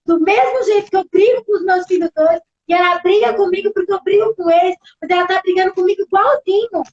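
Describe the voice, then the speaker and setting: A middle-aged woman pastor speaks with a Brazilian Portuguese accent in a very high voice. She talks casually, leaning on tag questions and acting out quoted exchanges. The sound is muffled and lo-fi, like a streamed service. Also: fast. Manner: chatty, tag questions, animated quoting. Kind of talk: casual church talk.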